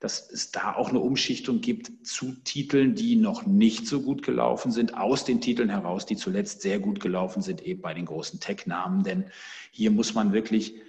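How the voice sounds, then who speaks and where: A man's voice: lowish voice, animated, normal speed, a little mellow, long reverb tail. A man co-hosting a podcast with conversational market commentary, explaining with emphatic wording. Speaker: finance podcast co-host.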